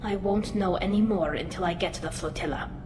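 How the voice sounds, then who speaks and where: A woman with a lowish voice plays an earnest, anxious, loyal young alien engineer in a video game, her lines filtered through a helmet. She sounds worried and sincere and speaks a little fast. The game audio is roomy and noisy, with music behind her.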